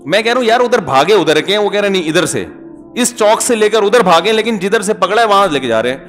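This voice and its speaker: Humorous preacher man, fairly high voice. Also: lively intonation, fairly bright tone, faint music behind. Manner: chatty, humorous anecdotes, addresses listeners as brother. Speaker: Islamic scholar and preacher. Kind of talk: storytelling religious talk.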